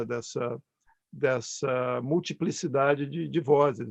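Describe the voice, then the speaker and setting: A man giving thoughtful, halting explanations as a panel guest, searching for his words. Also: fairly high pitch, vocal fry, no echo. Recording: dull, close, dry sound.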